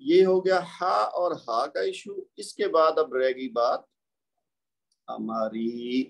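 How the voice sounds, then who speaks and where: A man's voice: medium pitch, steady tone, creaky. A man teaching a Quran recitation class over a video call, patiently explaining and drawing out letter sounds. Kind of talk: online class lecture. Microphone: computer mic on a video call.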